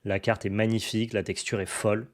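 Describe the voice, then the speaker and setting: A young adult card-collecting YouTuber chats casually and enthusiastically to the camera, showing off cards he bought, with lots of fillers and restarts. His voice is lowish, level in tone and brisk.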